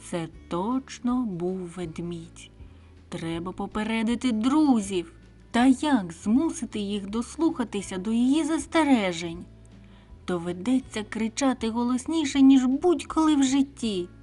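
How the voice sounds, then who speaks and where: A woman narrating a children's bedtime story in a soft, calm, unhurried manner. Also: mid-range voice, soft background music. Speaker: storyteller reading a children's audiobook.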